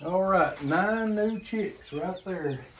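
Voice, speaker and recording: This homesteading vlogger speaks slowly in a high-pitched voice, and the recording is very noisy. He films himself on a phone at arm's length in the barn and backyard of his farm, giving a folksy, chatty how-to and saying "y'all."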